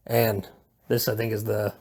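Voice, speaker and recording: At a measured pace, this presenter speaks in a lowish, slightly mellow, slightly rough voice with completely flat delivery. He offers an unscripted, casual hobby how-to from home, rambling in a hesitant, self-deprecating, relaxed way.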